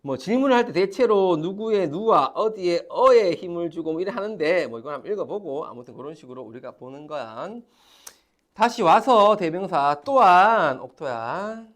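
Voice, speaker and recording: A man lectures a classroom on grammar, repeating each key term with emphasis. His pitch swings widely as he talks. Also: expressive, moderate pace. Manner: emphatic, repeats key terms, calls on students. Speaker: teacher.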